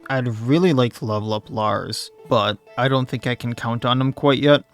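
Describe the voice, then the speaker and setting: Slightly hoarse man narrating gameplay. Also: medium pitch, faint music behind. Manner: thinking aloud, casual and unhurried. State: slightly losing his voice. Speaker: let's play host. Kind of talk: gameplay commentary.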